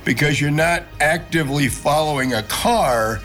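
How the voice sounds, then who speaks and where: A man's voice: on the high side, normal speed, a bit bright. A man in an interview giving a conversational explanation as an expert. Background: faint music.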